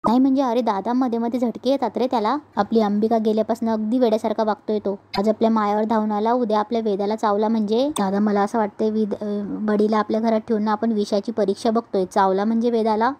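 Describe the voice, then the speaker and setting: Brief: woman doing a conspiring middle-aged aunt, mellow and flat. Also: fairly high pitch, fast, few pauses, lightly acted.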